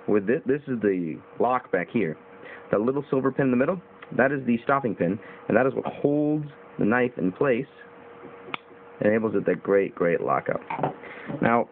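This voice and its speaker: A man's voice: medium pitch, expressive, fairly quick. A young man reviewing a knife on camera in casual, rambling talk with fillers and the odd swear word. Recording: tinny phone-like audio with faint hiss.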